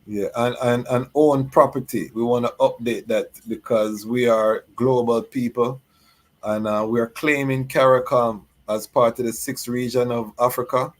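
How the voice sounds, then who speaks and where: A man hosting a live talk show, asking questions in a halting way with many fillers. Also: medium pitch, fairly even intonation. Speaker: host. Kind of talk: conversational interview.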